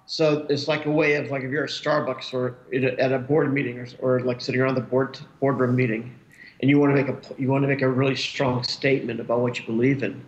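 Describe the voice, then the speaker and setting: A fast-talking man in his forties, appearing as a cartoonist guest, speaks casually by webcam from home in a medium-pitched, level voice. His talk wanders, full of restarts and fillers, and the audio has the dull, roomy quality of a video call.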